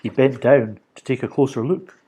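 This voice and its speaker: A man reading a children's storybook aloud for a library, animated and expressive. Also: medium pitch, moderate pace, breathy edge. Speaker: library reader.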